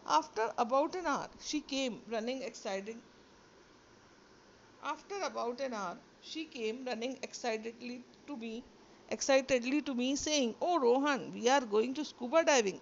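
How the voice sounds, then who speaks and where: Recorded on a phone or screen-recorder mic, the audio is dull with slight background noise. The speaker is a woman teacher whose first language is Sindhi and who has an Indian English accent; her slightly high voice carries vocal fry. She reads a story from a textbook, then re-explains each line, moving into Hindi.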